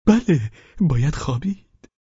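A man performs a nervous, meddling man fussing over a sick friend in a storybook reading. His voice jumps high and shrill with worry, with a husky grain. The recording is dry and dull, like an old audiobook. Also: animated, mellow, dry recording. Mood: soothing. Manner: fretful, insistent, shrill. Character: anxious fussy middle-aged man nursing a sick friend.

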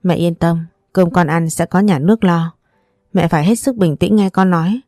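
A woman's voice: fairly low pitch, moderate pace, dark tone, dry recording, studio quality, soft background music, close to an everyday voice. A woman voicing a young male soldier, a remorseful son, in a choked, pleading tone. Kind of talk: storybook dialogue reading.

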